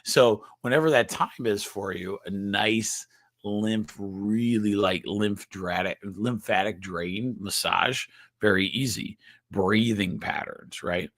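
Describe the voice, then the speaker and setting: Again the chiropractor host talks health with his live online audience, his nasal, fairly low voice carrying a bit of brightness. Delivery stays halting, full of restarts and "okay?" or "right?" tags, heard through close, dry sound without any room echo.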